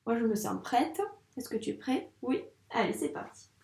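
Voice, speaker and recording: Teaching young children to write by hand, a young primary school teacher speaks at normal speed in a voice on the high side that is creaky yet warm. She patiently asks questions and answers her own prompts, and the room sounds roomy.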